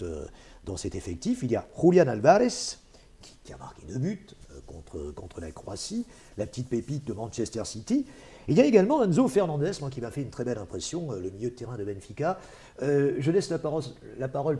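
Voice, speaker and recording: A man's voice: medium pitch, warm tone. A man hosting a local TV talk show, introducing guests and steering the discussion. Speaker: TV host. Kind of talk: live studio talk show.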